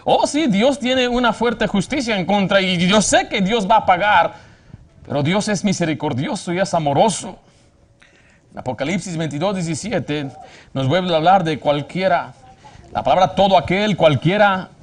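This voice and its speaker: A man preaching a sermon fervently, asking rhetorical questions and often restarting his phrases. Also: high voice. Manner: frequent restarts and self-corrections.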